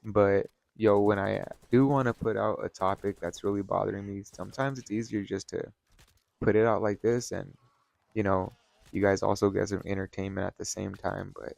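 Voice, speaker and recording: A tired adult vlogger, married with children, rambles casually from a chair at home, dropping the odd swear word. He speaks at normal speed in a lowish, level, gravelly yet slightly mellow voice, with no echo.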